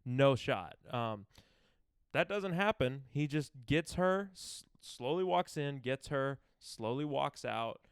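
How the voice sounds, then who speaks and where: Young man, smooth resonant voice, dry close sound, rambling casual podcast chat. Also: mid-range voice, expressive, slow, no echo. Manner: rambling, filler-heavy, laughs easily. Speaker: podcast co-host.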